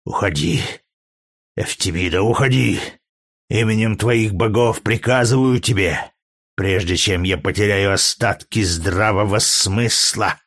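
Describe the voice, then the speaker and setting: A man's voice: fairly bright tone, full character voice. A man doing a growling angry gladiator. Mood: menacing. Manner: low, menacing, slow growl. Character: hulking furious Germanic gladiator.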